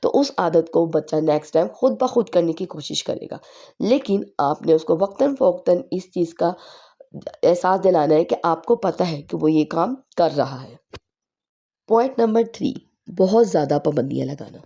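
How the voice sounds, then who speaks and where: A woman with a slightly hoarse voice from a sore throat, calmly explaining parenting advice point by point in a home vlog. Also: fairly low pitch, muffled recording. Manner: calm, explanatory advice-giving, pausing on numbered points. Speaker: parenting vlogger.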